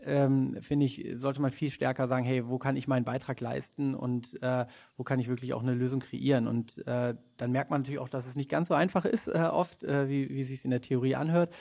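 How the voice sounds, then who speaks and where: Gravelly-voiced man, hesitant podcast guest. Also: medium pitch, flat delivery, a little fast, hardly any pauses, mellow. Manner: hesitant, many filler sounds and restarts. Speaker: podcast guest, head of a nonprofit. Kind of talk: podcast conversation.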